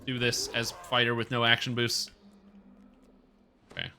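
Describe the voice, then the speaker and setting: A man livestreaming a game on headset audio, chatting casually with viewers and reacting loudly to the gameplay. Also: mid-range voice, monotone, measured pace, heavy background noise. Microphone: livestream headset mic.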